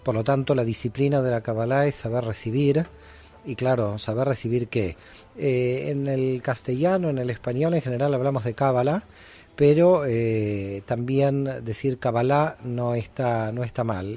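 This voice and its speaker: A man being interviewed as a guest expert, explaining in a teaching manner with frequent pauses and fillers. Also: medium pitch, mellow. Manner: didactic, many hesitations. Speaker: guest scholar.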